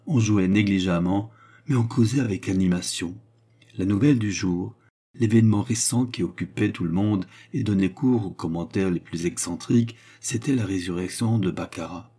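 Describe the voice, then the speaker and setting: A man's voice: moderate pace, slightly rough. A man reading a classic novel aloud as an audiobook narrator, telling the story steadily. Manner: steady storytelling, lifts pitch for quoted speakers.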